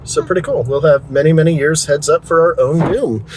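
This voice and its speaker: A man's voice: on the high side, a little fast. A man casually narrating a driving tour as a real estate guide, chatty and self-deprecating, with joking asides. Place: inside a moving car. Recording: car road noise behind.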